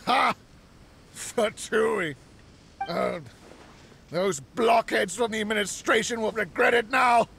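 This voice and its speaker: A man's voice: high-pitched, slow, vocal fry, pauses often, pushed and bright, a little hiss or hum, exaggerated voice. An actor playing a crazed middle-aged male researcher who cackles and whimpers in a game cutscene. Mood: manic glee. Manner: manic cackling, whimpering outbursts.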